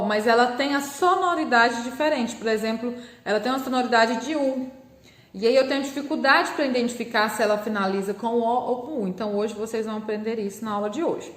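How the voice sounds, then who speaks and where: A woman with a Brazilian Portuguese accent, teaching a remote class for young children, patient and slow, sounding out words syllable by syllable. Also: on the high side, roomy sound. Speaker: primary school teacher.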